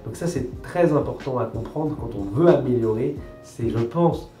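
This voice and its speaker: A young language coach from France gives pronunciation advice in a talking-head video, emphatic and teacherly, going back over key points. His mellow voice is medium-pitched and moves at a normal speed, recorded in an echoey room with light guitar music.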